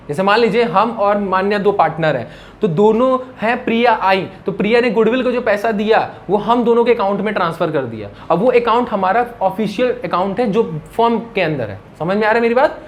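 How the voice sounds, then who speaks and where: A male commerce teacher giving a classroom lecture, asking his students questions and answering them himself, calling them "beta" and mixing English terms into his explanations. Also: sits high. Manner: calls students "beta" affectionately. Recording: faint background noise.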